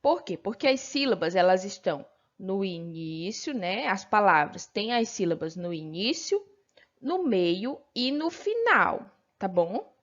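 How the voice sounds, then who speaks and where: A woman's voice: mid-range voice, big pitch swings. Patient Brazilian woman teacher, lo-fi. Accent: Brazilian Portuguese. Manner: patient, explains slowly, frequent "tá bom?" check-ins. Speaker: primary school teacher. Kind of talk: remote textbook lesson.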